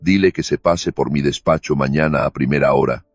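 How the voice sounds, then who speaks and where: A man voicing an unflappable senior law firm boss who speaks slowly, evenly and without emotion, probing with pointed questions. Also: very deep voice, steady tone, no echo. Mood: impassive. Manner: slow, measured, emotionless, probing. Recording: dull lo-fi recording with faint music.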